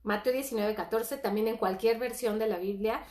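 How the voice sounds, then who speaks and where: High-voiced earnest woman teaching parents. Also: moderate pace. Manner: earnest, animated, reads scripture aloud. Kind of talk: informal Bible-based parenting talk. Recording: echoey room.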